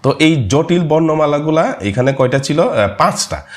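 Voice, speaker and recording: A man whose first language is Marma, patiently explaining a screen-share language lesson and often pausing to hesitate. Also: a little high, expressive. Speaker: language course teacher.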